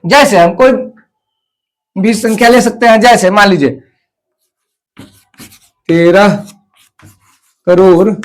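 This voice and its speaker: A man teaching a math lesson, slowly counting off place values step by step and repeating himself. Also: sits high.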